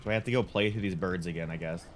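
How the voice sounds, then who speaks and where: A man's voice: low voice, very fast, background noise. A man hosting a casual let's play, talking carefully with a sore jaw and a mouth that does not fully open. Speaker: gaming channel host.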